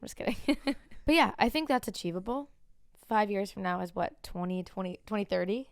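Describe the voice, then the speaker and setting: A young woman, a musician co-hosting a podcast, chatting casually, full of "like" and quick laughs, close on a studio mic. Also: medium pitch, expressive, no echo. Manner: chatty, laughs often, lots of "like" fillers. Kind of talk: casual chat. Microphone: studio dynamic mic, spoken into closely.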